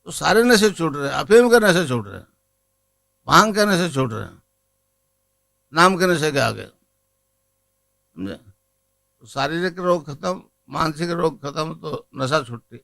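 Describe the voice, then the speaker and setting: An older man from India gives a spiritual discourse as a guru. His voice sits high and sounds bright and forceful. He moves between storytelling and leading the gathering in a repeated mantra. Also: animated, measured pace, vocal fry, pauses often, low-quality recording. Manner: storytelling, then leads chanting of a mantra.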